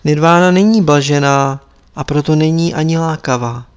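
A wise old lama teacher speaks gravely and instructively, as a man reading a story voices him. The voice sits a little high for a man. It is read in a storybook style. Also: close to an everyday voice. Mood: stern. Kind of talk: audiobook character reading.

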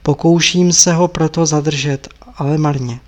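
A man's voice: a little high, fairly even intonation, a little mellow, natural voice. A man voicing a kindly older woman, the master's wife, who pleads and laments. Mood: pleading.

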